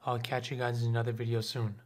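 Speaking quickly and in a monotone, this young man of Lebanese Armenian background runs casual gameplay commentary from home for his YouTube gaming channel. His pitch is medium, and he chats to viewers and asks them to comment.

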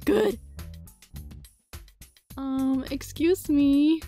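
With soft background music playing, a woman dramatically reads a visual novel aloud as she plays it, reacting casually with animated, playful exasperation and now and then stumbling over words. She speaks in a high voice, very slowly.

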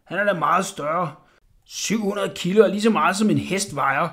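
Cocky boy, matter-of-fact, higher voice, storybook, man putting it on. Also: sharp tone. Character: cocky explaining village boy.

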